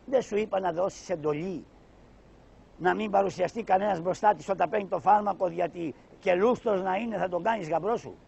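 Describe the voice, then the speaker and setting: A man voicing a pompous, hot-tempered Ottoman pasha in a shadow-puppet play, giving booming, bossy proclamations. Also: vocal fry, darkish tone, husky, full character voice. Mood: angry. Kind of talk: Greek shadow-puppet theater. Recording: dull lo-fi recording.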